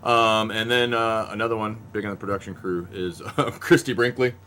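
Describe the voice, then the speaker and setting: A man's voice: fairly low pitch, steady tone, moderate pace, bright, forceful tone, a little hiss or hum. A man in his thirties hosting a podcast, rambling casually and laughing often as he jokes. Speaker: podcast host. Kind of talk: casual chat.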